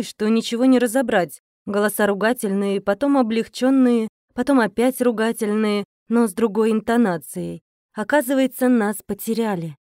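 A woman narrating a first-person audiobook in a lively, expressive way. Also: fairly high pitch, dry recording, clean studio sound.

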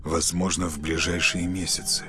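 A man voicing a grim soldier captain, speaking in a quiet, measured way. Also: low-pitched, little pitch movement, music in the background, close to an everyday voice. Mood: resolute.

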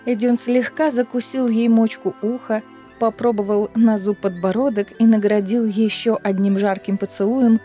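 Woman narrating a fantasy audiobook, warm. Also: on the high side. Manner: even, measured storytelling. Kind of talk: scripted narration. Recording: dry close mic with faint music.

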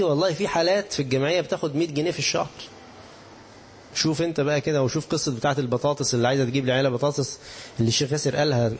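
A man's voice: a little high, slight background noise. A man with an Egyptian accent teaching a religious lesson on hadith, explaining with everyday examples and rhetorical questions to his listeners. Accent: Egyptian Arabic.

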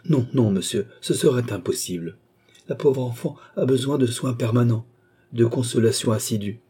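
Storybook doctor, read by a man: grave, commanding, dark husky tone. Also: medium pitch, moderate pace, lightly acted. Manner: solemn, commanding exhortation. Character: stern older male doctor, grave moralist. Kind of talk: audiobook character voice.

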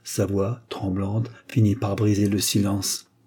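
A man reading a novel aloud in a measured, literary narration. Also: on the low side, little pitch movement, dark tone, husky. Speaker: audiobook narrator. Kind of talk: scripted narration.

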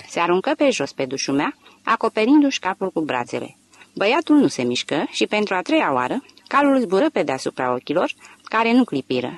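A woman narrating a literary audiobook with an expressive, dramatic reading. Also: lowish voice, no echo.

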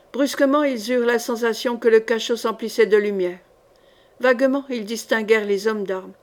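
A woman reading an adventure novel aloud as scripted narration, with expressive storytelling. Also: fairly high pitch. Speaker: audiobook reader.

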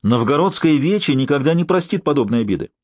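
A male narrator voicing a brisk, cheerfully scolding professor and doctor in an audiobook. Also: on the high side, expressive, a little mellow, no echo, voice pushed up.

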